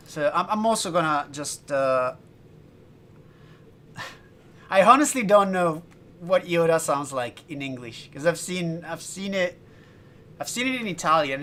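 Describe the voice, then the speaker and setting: A man's voice: fairly high pitch, pushed and bright, slight background noise. A man chatting casually on a livestream while making music, laughing often and restarting his sentences. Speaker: streamer and musician.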